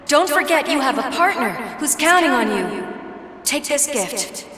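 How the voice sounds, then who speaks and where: An actress playing an encouraging partner who speaks as a vision in a video game, in long reverb. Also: female voice, high voice, sing-song, moderate pace, a bit bright. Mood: urging, tender.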